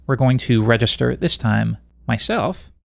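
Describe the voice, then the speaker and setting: Casual male coding tutor, gravelly. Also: mid-range voice, a little slow, no room sound, studio quality. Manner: relaxed, conversational, thinking aloud while coding. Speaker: programming instructor.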